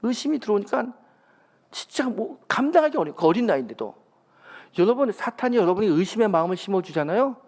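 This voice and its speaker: A male senior pastor preaching a sermon. He is an animated storyteller who acts out the quotes with big jumps in pitch. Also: quick pace. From Busan, South Korea.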